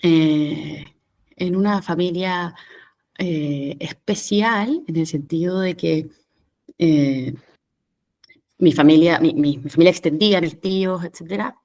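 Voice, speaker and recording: A woman's voice: lowish voice, slow pace, darkish tone. A woman in her thirties from Chile with a Chilean Spanish accent, a podcast guest speaking reflectively with fillers and restarts. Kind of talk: conversational interview.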